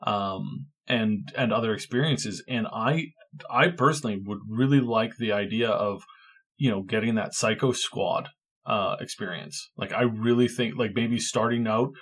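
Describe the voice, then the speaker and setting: A man's voice: fairly low pitch, moderate pace, fairly bright tone, husky. A man co-hosting a podcast in casual chat, playful and rambling, with many fillers. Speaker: podcast co-host.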